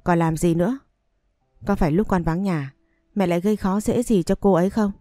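A woman's voice: lowish voice, fairly quick, mellow, no room sound, studio quality, faint music behind, close to an everyday voice. A woman voicing a stubborn, heartbroken young man who confronts his mother and his old love in a read-aloud story. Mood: pleading.

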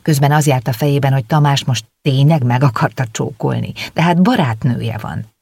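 An audiobook narrator telling a novel in a calm, steady way. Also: mid-range voice, gravelly, breathy edge, no room sound. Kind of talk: scripted narration. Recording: dry close recording.

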